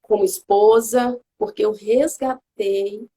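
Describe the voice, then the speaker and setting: A woman's voice: medium pitch, steady tone, slow pace, mellow, slight background noise. A Brazilian woman talking earnestly as a guest mother on a live video call, telling her story in a heartfelt way. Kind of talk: casual live video chat.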